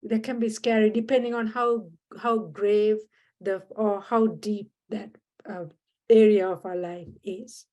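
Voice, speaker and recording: Guesting on a reflective podcast, this Sri Lankan woman has a steady, dark mid-range voice. Her delivery is earnest and measured, and she often begins sentences again.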